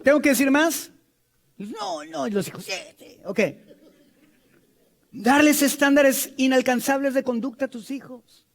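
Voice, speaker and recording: Middle-aged Mexican man, high voice, sermon delivery with playful asides and acted-out quotes. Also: a little slow, creaky, pauses often. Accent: Mexican Spanish. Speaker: preacher.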